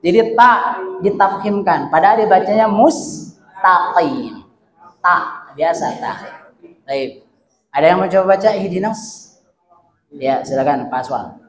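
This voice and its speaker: A man teaches a recitation lesson at an unhurried, deliberate pace. He sounds out each syllable again and again so listeners can copy it. His voice carries a roomy echo from the hall. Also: high voice, lively intonation. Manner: demonstrates sounds slowly, repeats syllables. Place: hall at a hospital study gathering.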